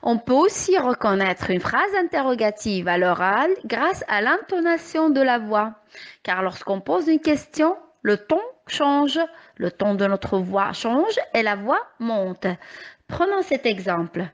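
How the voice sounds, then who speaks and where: A young woman teacher explaining a grammar lesson to young children, patient and carefully articulated, with clearly rising questions. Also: fairly high pitch, very animated, a little slow, dull audio. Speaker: primary school teacher.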